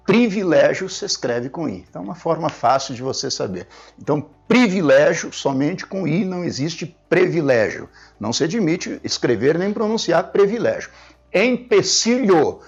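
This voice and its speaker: A husky-voiced Portuguese language teacher gives a classroom grammar lesson at a board, his voice on the high side and the recording muffled. He teaches didactically, repeating key points and frequently adding "né?".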